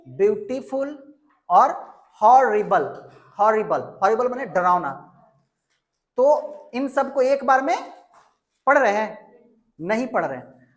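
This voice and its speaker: A woman teaching an English grammar lesson, asking questions and answering them herself, and stretching out example words. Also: a little high. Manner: drills with repeated questions and answers.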